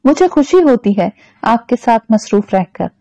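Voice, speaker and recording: A woman voicing a gentle, devoted young wife who talks softly and earnestly. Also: fairly high pitch, very animated, a little slow, no room sound. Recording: dull, dry lo-fi recording.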